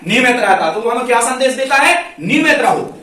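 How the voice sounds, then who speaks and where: A male schoolteacher giving a moral lesson to pupils, asking questions and repeating key words for them to answer back, and saying English phrases slowly. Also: very high-pitched, expressive, pushed and bright. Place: classroom, indoors. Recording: very echoey classroom from far off.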